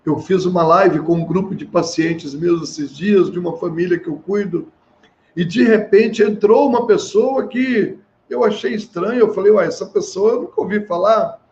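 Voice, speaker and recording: High-voiced man giving an earnest seminar. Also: normal speed, darkish tone. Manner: earnest, acts out quoted dialogue. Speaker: family therapist and seminar speaker. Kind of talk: storytelling seminar talk. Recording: slightly dull with faint hiss.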